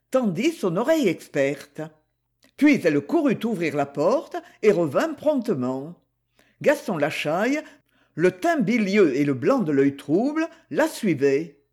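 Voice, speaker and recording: A woman narrating a literary story as an audiobook reader, measured and unhurried. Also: fairly low pitch, very animated, darkish tone, slightly rough.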